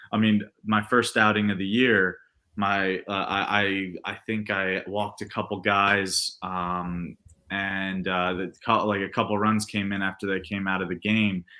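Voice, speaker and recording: A man's voice: fairly low pitch, bright, forceful tone. A young man in his twenties answering podcast interview questions in an earnest, rambling way, full of restarts and fillers. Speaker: podcast guest, baseball pitcher.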